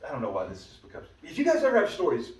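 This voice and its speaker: A man's voice: on the high side, wildly swooping pitch, racing, a crowd in the background. A man, a pastor, leading a casual church Bible study as a conversational storyteller with frequent restarts. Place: church meeting room. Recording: roomy room, mic at a distance.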